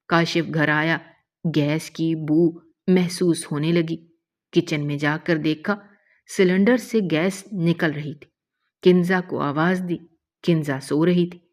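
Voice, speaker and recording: Low-voiced woman narrating a story. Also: a little mellow. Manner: measured, moralizing narration.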